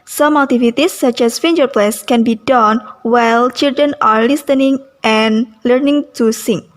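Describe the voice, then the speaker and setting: A woman's voice: a little high, normal speed. A young woman with an Indonesian accent, steadily reading a student class presentation from a script. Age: young adult.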